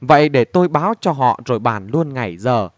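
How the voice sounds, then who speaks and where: A man's voice: mid-range voice, lively intonation, brisk, no echo, studio quality, close to an everyday voice. Blunt, irritable storybook father, voiced by a male reader. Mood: gruff. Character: gruff middle-aged father, irritable.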